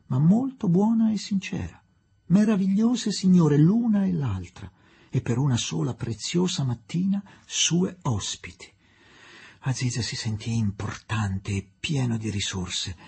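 Gravelly, husky male audiobook narrator. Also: medium pitch. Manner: expressive, dramatic reading.

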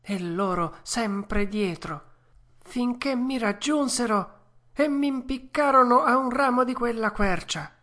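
A woman voicing a wooden puppet boy, impulsive and emotional, with a high childlike voice. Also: a little slow, fairly bright tone. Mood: agitated.

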